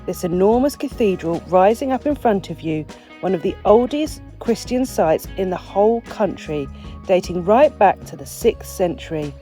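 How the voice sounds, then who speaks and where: Female narrator, mellow, descriptive voice-over, light music bed. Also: medium pitch, expressive, moderate pace. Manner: wonder-filled, descriptive. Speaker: vlog narrator. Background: faint music.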